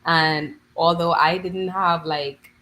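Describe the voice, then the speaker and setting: A Bahamian woman with a slightly low voice tells her stories with animated energy, full of local slang. The room ambience carries a faint noise behind her. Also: takes it slowly, poor audio. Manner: animated storytelling, lively dialect slang. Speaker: guest musician. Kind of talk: casual interview chat.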